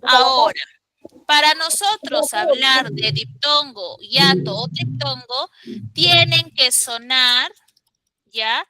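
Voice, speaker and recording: A woman's voice: high voice, slow, a crowd in the background, poor audio. A woman teacher leading a classroom grammar lesson, emphatic and quizzing her students step by step. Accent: Peruvian Spanish.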